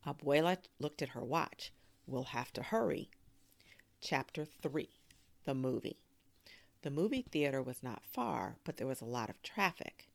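A woman hosting a storytime, reading a children's book aloud in an expressive, animated way. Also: extremely low pitch, normal speed, vocal fry, dry recording. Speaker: storyteller host.

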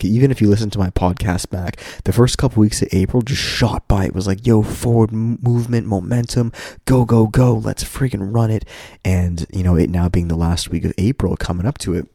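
A man's voice: low voice, mellow, breathy edge, no room sound, studio quality. A man hosting a casual solo podcast, talking in an informal, candid, rambling way to his listeners, with a slightly stuffy nose. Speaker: podcast host.

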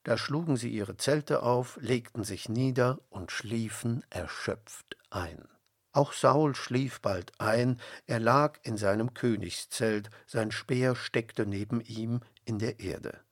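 A man reading a Bible story aloud for children, expressive, with whispered and called-out character lines. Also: medium pitch, slow, no room sound, studio quality.

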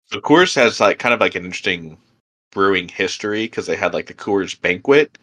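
With a low voice, lively intonation, and a sharp tone, a young beer podcast co-host speaks fairly quickly. He chats casually and ramblingly, using many fillers and laughing easily.

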